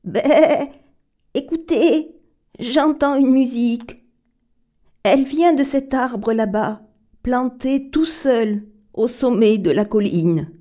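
A woman voicing an excited sheep leader in a storybook, with a bleat and a raised voice. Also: fairly high pitch, slow, pitched above the performer's own voice. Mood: alert.

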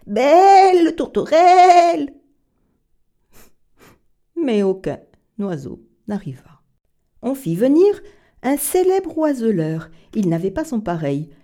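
A woman's voice: mid-range voice, warm tone. A woman narrating a children's story expressively, slipping into whispers and playful bird calls.

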